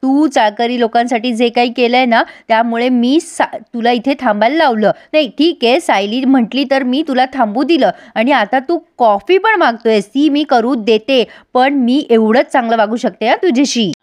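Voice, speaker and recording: A woman doing a nagging, sharp-tongued older neighbor. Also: on the high side, normal speed, few pauses, natural voice. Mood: scolding. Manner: loud, nagging, raised voice.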